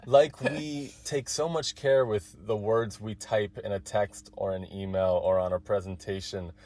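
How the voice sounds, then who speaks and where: Earnest man explaining, lowish voice. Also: fairly even intonation, measured pace, a little mellow. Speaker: guest Torah reader. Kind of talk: conversational explanation.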